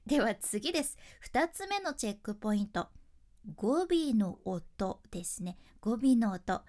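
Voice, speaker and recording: A woman's voice: on the high side, darkish tone. A young woman with a Fukuoka accent, a freelance announcer giving a casual speaking lesson in chatty explanations with dialect endings. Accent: Fukuoka Japanese.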